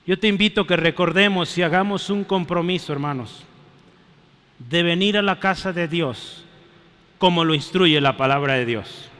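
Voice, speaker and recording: A man preaching a sermon in a church, fervent, often rising to loud exclamations and checking in with his congregation. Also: a little high, normal speed. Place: church sanctuary. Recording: echoey church hall.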